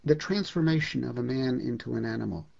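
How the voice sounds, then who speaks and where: A man lecturing on literature at a middle pitch, unhurried and reflective, pausing now and then to gather his thoughts. The recording is somewhat dull and lo-fi. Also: vocal fry, darkish tone. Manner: measured, reflective, with occasional hesitations.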